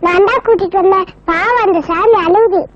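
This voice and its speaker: A woman's voice: very high voice, fairly quick. A kind coaxing woman. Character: kind woman helping a pilgrim. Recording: dull old film soundtrack. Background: film music.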